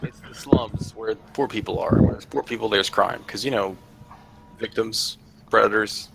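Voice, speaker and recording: A man playing a tabletop game online, joking, animated and given to swearing. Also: fairly low pitch, moderate pace, creaky, very noisy. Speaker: player. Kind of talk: tabletop role-play chat. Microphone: online voice chat.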